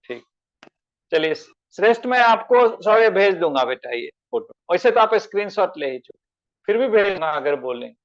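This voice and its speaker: Male chemistry tutor, high-pitched, quizzes his class, muffled lo-fi recording. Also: big pitch swings, moderate pace. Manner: addresses students as beta, asks them questions. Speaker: chemistry teacher. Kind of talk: online class lecture.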